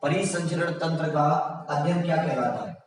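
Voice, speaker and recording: A man teaching a general science class online, reading out quiz options slowly and praising his students often. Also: on the high side, very echoey, long reverb tail, recorded from a distance, low-quality recording.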